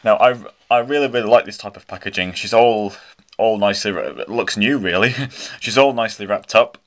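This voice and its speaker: This British-accented man talks fairly quickly in a fairly low voice as he eagerly unboxes a model locomotive on his carpeted floor at home. A slightly croaky throat colors his casual, rambling chat, which keeps restarting.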